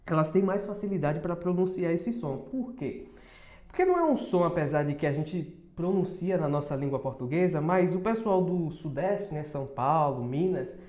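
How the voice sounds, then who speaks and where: A Brazilian man giving a casual pronunciation lesson as a teacher, checking in with quick tag questions and slowly repeating words as models. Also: on the high side, darkish tone. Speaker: English teacher. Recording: echoey room.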